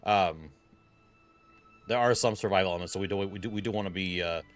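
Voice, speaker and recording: A man's voice: sits low, brisk, faint music behind. A man casually commenting while playing a game, chatty and laughing, sometimes racing through sentences. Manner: chatty, laughing, bursts of speed. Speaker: gaming channel host. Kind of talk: let's play commentary.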